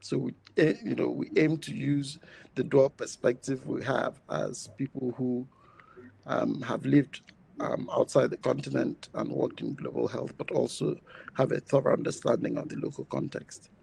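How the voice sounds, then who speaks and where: Tired Nigerian man on a group video call, very gravelly, measured and pausing. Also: medium pitch, fairly even intonation, darkish tone, slight background noise, poor audio. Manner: measured, with frequent pauses and "um"s. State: tired after being on call. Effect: online group video call audio. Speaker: public health doctor and panelist. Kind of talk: introductions on an online panel.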